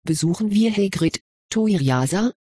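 A stubborn schoolboy wizard in a storybook, asking questions and defending himself with a wry touch, read by a narrator. The voice is slightly husky, close and dry. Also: medium pitch, animated, unhurried, mellow, no room sound, voice pushed up. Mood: questioning, wry. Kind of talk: audiobook reading of fan fiction.

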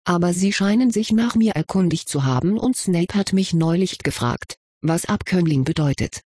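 Serious young wizard boy in a storybook, quiet and guarded, read by the narrator. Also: medium pitch, lively intonation, moderate pace, breathy edge, no echo, clean studio sound. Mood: subdued. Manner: subdued, hiding his fear. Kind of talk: audiobook reading.

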